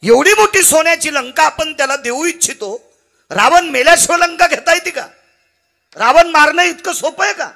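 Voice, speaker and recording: A man playing the hot-tempered young prince Lakshman in devotional kirtan storytelling, shouting his indignant questions. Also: level tone, normal speed, natural voice. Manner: shouting, indignant, high-pitched outbursts.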